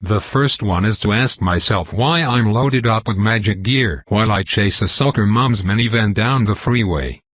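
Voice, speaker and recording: A man reading as a wry young student, low and husky. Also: fairly bright tone, dry recording. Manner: wry, rambling. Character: earnest young male student, wry and rattled.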